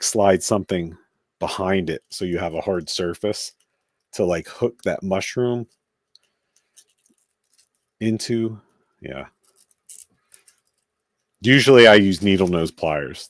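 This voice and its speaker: A man's voice: low-pitched, no echo, studio quality. A man hosting a live stream, casually reviewing an action figure and thinking aloud as he handles it. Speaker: toy collector host.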